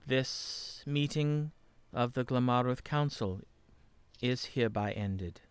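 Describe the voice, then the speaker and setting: A man voicing a formal council leader who speaks in measured, ceremonial phrases. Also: medium pitch, clean tone, dry recording, close to an everyday voice. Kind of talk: tabletop role-play voice.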